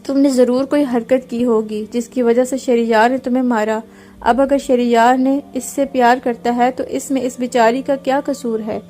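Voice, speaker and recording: A woman's voice: fairly high pitch, steady tone, warm tone, soft background music, natural voice. Woman reading as a cowardly young man. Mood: scolding. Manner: scolding then begging. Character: cowardly young man, servant-commanding then pleading.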